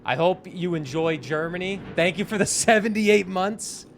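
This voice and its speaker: A man in his twenties from New England, in the United States, chats casually with his live-stream audience while playing a game, reading and answering chat in an animated, talkative way. His voice sits high and moves at a moderate pace, with a little hiss or hum in the recording.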